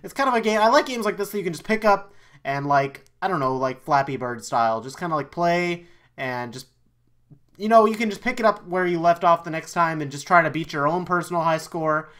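A man giving let's-play commentary on a horror game, easily startled, swearing often, and talking himself into calming down. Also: a little high, fairly quick, poor audio. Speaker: YouTube let's player.

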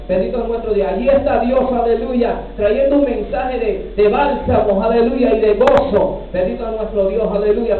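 A middle-aged Puerto Rican pastor born in New York delivers a fervent Pentecostal testimony from a church pulpit in a very high voice, sprinkling his Spanish with hallelujahs and English phrases. A handheld mic captures him from far back, so the recording is distant, echoey and tinny, with slight background noise.

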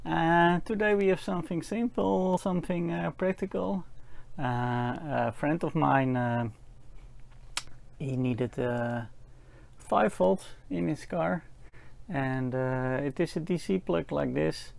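Gravelly man in a workshop. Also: on the high side, steady tone, slow pace, darkish tone. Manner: hesitant, many filler words, plain explanations. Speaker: electronics hobbyist presenter. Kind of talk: casual workshop tutorial. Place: electronics workbench in a small workshop.

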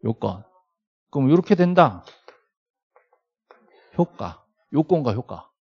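A man's voice: medium pitch, big pitch swings, slow pace, husky. A middle-aged man lecturing a class on law, asking rhetorical questions and repeating key terms, with joking asides to his students. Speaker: law lecturer at a real estate agent exam prep academy. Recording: dull lo-fi lecture recording.

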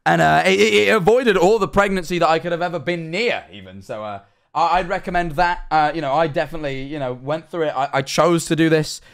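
Vocal fry colors the slightly high, fast voice of a young man reading his viewers' messages out loud on a stream. He responds to chat in an animated, sarcastic way, swearing a lot. He is at a desk in a small bedroom setup, using a headset-style studio mic.

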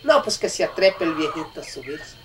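A man with a Mexican accent telling a folk tale aloud, halting and restarting often. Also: on the high side, big pitch swings, fairly bright tone, distant mic, slight background noise. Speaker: storyteller. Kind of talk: oral folk storytelling.

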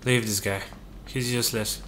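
A man's voice: lowish voice, fairly even intonation, normal speed, fairly bright tone, a little hiss or hum. Man joking through gameplay commentary. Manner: joking, talks to game characters as his crew. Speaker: let's play gamer.

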